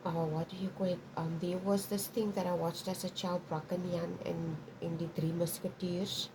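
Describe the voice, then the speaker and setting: This tarot reader, a woman whose native language is Afrikaans, rambles through an intuitive reading with lots of restarts and repeated "okay?" check-ins. She speaks at a moderate pace in a flat delivery, her voice on the low side, with background noise behind her.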